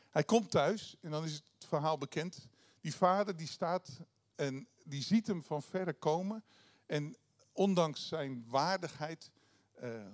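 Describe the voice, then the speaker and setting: A man preaching a sermon, retelling a parable in a conversational way, with frequent hesitations and restarts. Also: on the high side.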